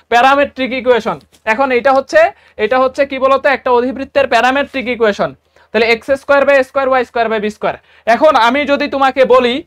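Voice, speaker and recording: A man's voice: very high voice, fairly bright tone, smooth. A man with a Bangladeshi Bengali accent teaching a casual exam-prep math lesson, repeating each step and quizzing his students. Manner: chatty, repeats key steps, asks students quiz questions. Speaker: math tutor.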